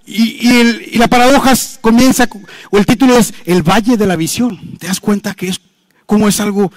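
Man, preacher, very high-pitched, impassioned, sinks low and soft on asides, dry sound. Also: steady tone, normal speed, dry recording. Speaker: pastor. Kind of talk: sermon.

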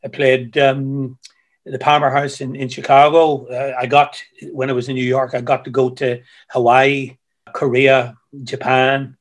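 A man, a musician guest who tells stories in a halting way, repeating words, heard over a video call. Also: medium pitch, level tone. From Ireland. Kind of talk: casual interview chat.

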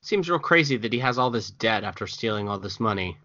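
A man's voice: on the low side, animated, brisk, pushed and bright, no echo, lo-fi sound. A man co-hosting a casual true-crime podcast, reacting with skeptical, dry remarks and questions. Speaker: podcast co-host.

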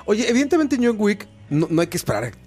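A man's voice: high voice, huge pitch swings, quick pace, a little mellow, slightly rough, faint music behind. A man with a Mexican accent, co-hosting a podcast in casual, slangy, joking banter. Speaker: podcast co-host. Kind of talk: casual chat.

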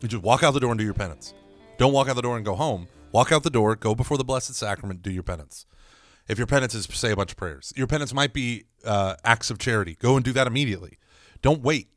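A man's voice: medium pitch, quick pace, no echo, faint music behind. Emphatic man teaching on confession, dry mic. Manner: animated, emphatic, jokey storytelling. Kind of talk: conversational religious teaching.

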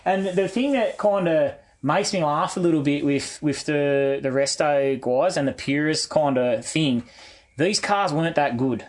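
A man's voice: on the high side, a little slow. An Australian man, a car enthusiast, talking casually as a guest in an easygoing, rambling, colloquial way. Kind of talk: casual chat about cars.

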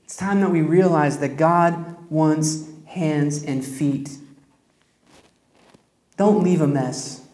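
A man's voice: fairly high pitch, takes it slowly, long pauses, a little mellow. A man preaching a sermon as pastor, telling stories in a conversational way and speaking straight to his congregation. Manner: storytelling, conversational, addresses congregation directly. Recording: roomy echo.

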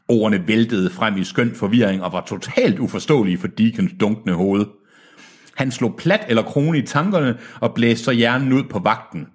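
Husky man reading aloud with jokes. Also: lowish voice. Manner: laughing, joking asides. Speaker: reader and co-host. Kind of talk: reading a novel aloud with banter.

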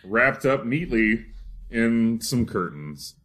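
A man's voice: mid-range voice, animated, slow pace, a bit bright. A man co-hosting a casual podcast, throwing in crude joking quips. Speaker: podcast co-host. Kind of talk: casual group chat.

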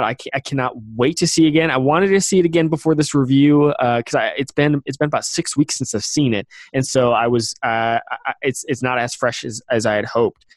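A man co-hosting a movie podcast, talking with enthusiasm in halting bursts full of restarts. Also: medium pitch, no echo. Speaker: podcast co-host. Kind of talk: casual movie review chat.

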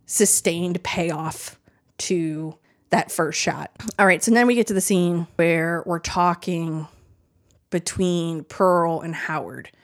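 A woman casually recapping a horror film's plot, chatty and full of "like" fillers. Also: lowish voice. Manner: chatty, heavy use of "like". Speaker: film reviewer.

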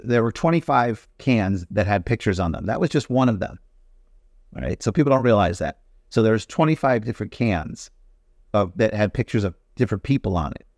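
A man co-hosting a podcast in casual conversation, talking haltingly with many restarts and stammers. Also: on the low side, a little mellow, no echo, studio quality. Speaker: podcast co-host.

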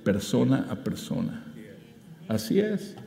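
A male pastor delivers a sermon in a mellow, warm voice. His delivery is animated, climbing to emphatic peaks before settling back. The sound is roomy, with a long hall reverb trailing his words. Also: medium pitch, slow pace, creaky. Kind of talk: preaching a sermon.

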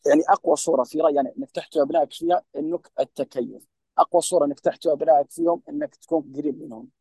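A man's voice: a little high, rapid-fire, dark tone, slightly rough, no room sound, poor audio. A man with a Saudi Gulf accent, a mental health specialist speaking as a guest on a podcast interview. He gives impassioned advice in an emphatic, preachy way and often speaks straight to the listener. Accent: Saudi Gulf Arabic.

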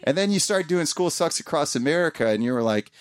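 A man's voice: on the high side, animated, quick pace, no room sound, clean studio sound. A man who podcasts, talking to his community in a casual, heartfelt ramble, with frequent restarts and casual swearing. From Columbus, Ohio area. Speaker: podcaster speaking as a guest.

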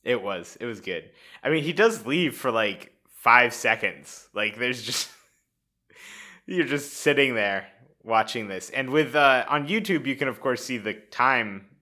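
A young man with a bright, forward voice co-hosts a podcast. He talks in loose, rambling sentences full of "like" and "uh," often breaking into laughter. His pitch sits in the middle range for a man. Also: animated, unhurried. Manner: rambling, frequent fillers and laughs. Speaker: podcast co-host. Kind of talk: casual chat.

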